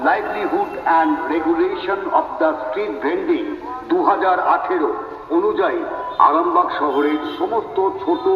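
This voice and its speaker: A man with a West Bengal Bengali accent reading a formal public announcement deliberately, as through a megaphone. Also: high voice. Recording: muffled, distant loudspeaker with echoing reverb.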